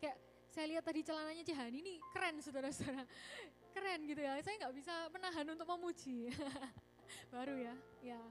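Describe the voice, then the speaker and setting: Chatty high-voiced woman preaching. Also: a little fast. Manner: chatty, animated, mixes English words, often says "saudara-saudara". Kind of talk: casual youth sermon. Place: church service.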